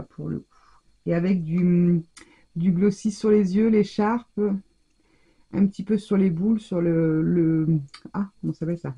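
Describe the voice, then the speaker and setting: A woman's voice: mid-range voice, mellow, husky, muffled recording. A woman hosting a casual scrapbooking vlog, effusively gushing over the handmade gifts she unwraps. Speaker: scrapbooking channel host. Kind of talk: casual mail-opening vlog.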